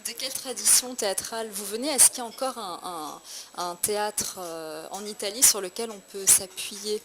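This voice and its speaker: A woman's voice: mid-range voice, normal speed, background noise. A woman interviewer asking probing questions, with small hesitations. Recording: loud crowd chatter behind. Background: crowd chatter.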